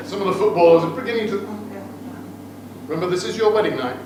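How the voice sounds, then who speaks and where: A man's voice: high voice, fast talker. Teasing father of the groom. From United Kingdom. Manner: teasing, joking, playful asides to guests. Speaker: father of the groom giving a wedding speech. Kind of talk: wedding toast speech. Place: wedding reception room with guests. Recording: very echoey room, far off, noisy.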